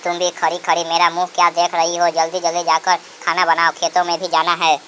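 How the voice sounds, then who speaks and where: A man playing the son in his own comedy sketch, calm and placating. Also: fairly high pitch, brisk, a little hiss or hum.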